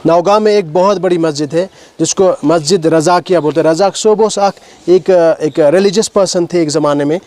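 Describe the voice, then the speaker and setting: A man's voice: fairly high pitch, hardly any pauses, a little mellow. A man with a Kashmiri accent leading an outdoor heritage walk, explaining place names to schoolchildren and often asking them questions. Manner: explanatory, asks questions of the children, mixes in English words. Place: outdoors at a stone heritage site.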